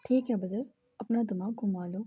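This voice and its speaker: A stubborn young bride from a romance audiobook, as a woman reader plays her, sharp and irritated. The voice is very warm and dark with some huskiness, recorded dry. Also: mid-range voice, moderate pace, slightly rough, dry recording, natural voice.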